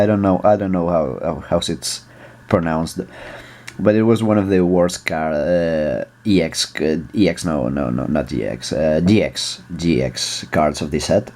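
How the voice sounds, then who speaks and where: A man with a Spanish accent hosts a casual, rambling vlog, his voice pitched low. He hesitates often, fills pauses with ums and uhs, restarts his sentences, and swears offhandedly. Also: a little mellow. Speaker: video host.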